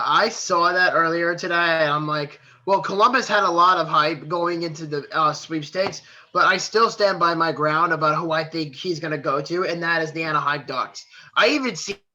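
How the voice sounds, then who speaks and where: A man co-hosts a sports podcast with a sharp, very bright voice that sits a little high. He states his opinions firmly. The sound is dull and lo-fi. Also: normal speed. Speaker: podcast co-host. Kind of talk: casual live sports podcast chat. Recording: dull lo-fi stream audio.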